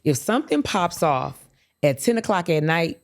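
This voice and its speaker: A woman co-hosting a casual couples podcast, talking in an animated, laughing way and often slipping into playful quoted voices. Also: lowish voice, normal speed, no room sound, clean studio sound. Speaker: podcast co-host.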